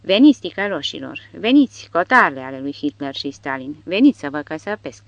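A woman's voice: deep voice, lively intonation, a bit bright, no room sound, dull audio. A woman voicing a huge brutish male soldier crazed with rage, roaring and frantic. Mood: raging.

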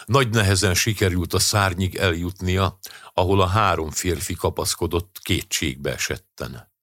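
A man narrating an audiobook story in a measured, even way. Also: deep voice, no room sound, studio quality.

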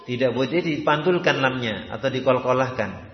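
A man's voice: mid-range voice, normal speed. A man teaching Quran recitation in a mosque lesson, patient and repetitive, often checking with his listeners. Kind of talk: religious study lesson. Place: mosque hall. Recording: echoey, dull mosque hall recording.

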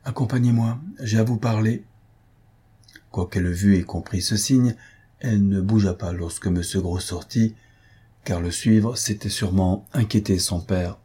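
A man reading a classic novel aloud as an audiobook narrator, in an even, measured way. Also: low-pitched, slightly rough. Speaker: audiobook reader.

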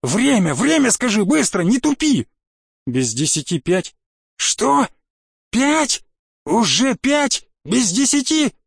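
A man's voice: mid-range voice, normal speed, hardly any pauses, darkish tone, slightly rough, dry recording, studio quality, lightly acted. A man narrating an audiobook and voicing a frantic, panicked assistant who screams rudely. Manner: screaming, desperate, rude.

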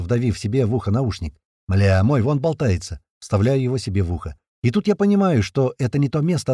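A man's voice: mid-range voice, warm tone, breathy edge, no echo, clean studio sound. A man narrating a first-person action audiobook in a terse, punchy, slangy manner.

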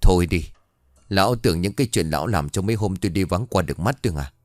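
A domineering, jealous wife of a rural chief, sharp-tongued and quick to scold, as a male storyteller voices her. The voice stays close to his own low, lively narrating tone and sounds dry and near. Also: dry recording. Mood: furious.

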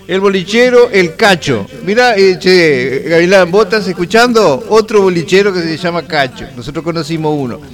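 A middle-aged man with a Uruguayan accent, hosting a radio show in a rambling, anecdotal, conversational way. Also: on the high side. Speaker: radio host. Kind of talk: casual radio chat.

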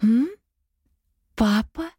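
A woman's voice: on the high side, very slow, mellow, slightly rough, no room sound, studio quality, voice pushed up, full character voice. A woman voicing a spoiled, petulant young rich daughter in an audiobook, with a whiny drawl. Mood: sulky.

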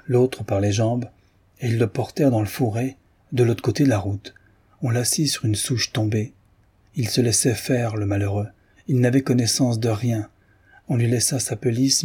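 A man reading the part of a gruff, dying old peasant confessing a crime he witnessed, in an audiobook. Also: on the low side, fairly even intonation, moderate pace, dark tone. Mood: grave.

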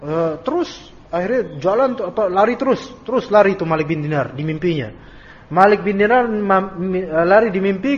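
A male religious teacher giving a Quran commentary lesson, reading Arabic text and retelling it as an animated, casual story. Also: high-pitched. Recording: dull lo-fi audio recording.

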